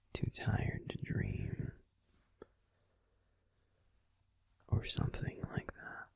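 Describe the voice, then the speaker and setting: In an intimate sleep-aid audio roleplay, a man voices a grumpy yet tender werewolf boyfriend. He confides casually in a warm, breathy, husky whisper, unhurried and subdued, recorded dry and very close to the microphone.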